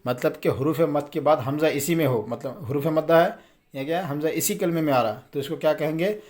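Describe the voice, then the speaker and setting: A patient male teacher gives a relaxed Quran reading lesson in an easy, conversational voice. He quizzes his listeners, answers his own questions, and stretches each example word out slowly. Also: fairly high pitch. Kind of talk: casual spoken lesson.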